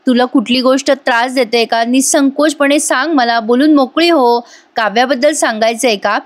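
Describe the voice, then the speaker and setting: A woman voicing a caring older husband who gently presses his wife to open up. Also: high-pitched, moderate pace, close to an everyday voice. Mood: worried.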